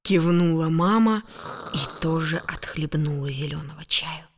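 A woman narrating a children's audiobook in a playful way, with hushed asides. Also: deep voice, unhurried, slight background noise. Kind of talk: expressive children's story reading. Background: music.

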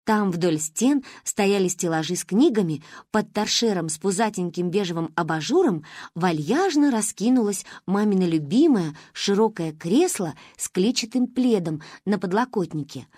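Lively, slightly husky woman storyteller. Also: medium pitch, moderate pace, dry recording, clean studio sound. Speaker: audiobook narrator. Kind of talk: expressive storybook narration.

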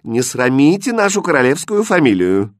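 A man's voice: mid-range voice, big pitch swings, moderate pace, no room sound, lightly acted. A prim queen mother who frets and pleads over proper manners, as a man reading the story puts her on. The voice rises and falls widely, close and dry. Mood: pleading. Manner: pleading, fussing about etiquette.

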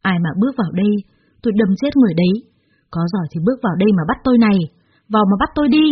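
A woman reading the part of a jealous, furious middle-aged wife and mother who shouts shrill threats in an audio story. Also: expressive, very fast, phone-quality sound, a little hiss or hum, lightly acted. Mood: raging.

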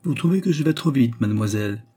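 A narrator gives voice to an earnest young man, courteous and eager, speaking gravely yet gently. The tone is dark and mellow, with a slightly husky grain. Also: mid-range voice, animated, fast talker, lightly acted. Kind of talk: audiobook reading.

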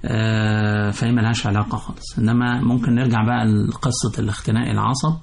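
A man with an Egyptian accent, a surgeon answering callers' questions on radio in a calm, explanatory way. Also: lowish voice, fast, gravelly, slight background noise. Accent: Egyptian Arabic. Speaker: orthopedic surgeon guest. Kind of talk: medical advice on radio.

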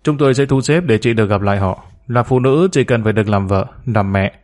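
A man doing a calm, measured male interrogator. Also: on the low side, lightly acted.

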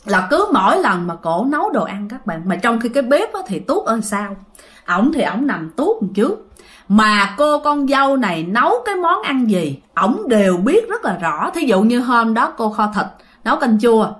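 A woman tells a ghost story, talking straight to her listeners in a chatty tone. Her voice sits fairly high and moves with a lively, animated pitch. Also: normal speed. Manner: chatty, addresses listeners directly.

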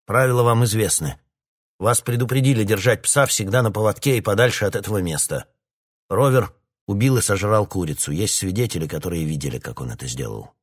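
A man reading an audiobook, voicing a stern, weary male officer who gives curt orders and shouts when pushed. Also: on the low side, brisk, breathy edge.

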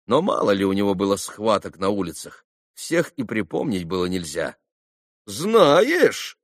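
A man narrating a classic novel as an audiobook, theatrical and animated. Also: sits low, a little fast, no room sound, clean studio sound.

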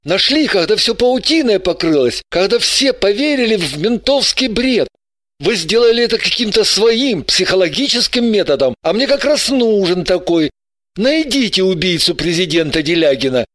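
Мужчина играет робкого серьёзного молодого человека. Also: male voice, high voice, sing-song, normal speed, dry recording, studio quality. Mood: earnest. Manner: soft, hesitant and pleading. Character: shy, earnest young man seeking a killer. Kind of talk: audiobook character voice.

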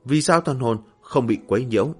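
Male narrator, husky tone, steady read over faint music. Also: medium pitch, a little fast. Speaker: audiobook narrator. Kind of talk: scripted fantasy novel narration.

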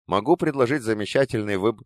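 A man's voice: on the low side, brisk, no room sound, studio quality, natural voice. A man reading an audiobook and voicing a plump, fussy old bookseller who greets customers eagerly.

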